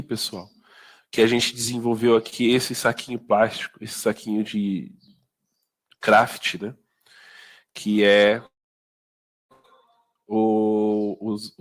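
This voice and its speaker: Low-voiced Brazilian man explaining products. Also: fairly even intonation, slow pace, pauses often, a bit bright. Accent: Brazilian Portuguese. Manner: conversational, many fillers and tag questions. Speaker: product presenter. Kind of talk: informal sales training talk.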